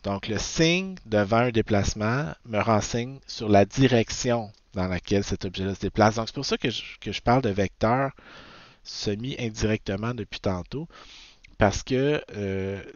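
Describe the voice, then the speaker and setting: Low-voiced Québécois man teaching physics. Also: moderate pace, no echo. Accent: Québécois French. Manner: frequent "ok?" checks, self-corrections. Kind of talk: recorded lecture. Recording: dull, dry lo-fi sound.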